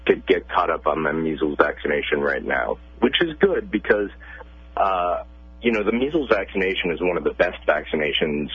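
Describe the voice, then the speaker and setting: A man with a deep, husky voice speaks over a thin, tinny phone line. He is a pediatrician answering questions on a radio interview, calm and measured as he explains. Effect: heard over a phone line.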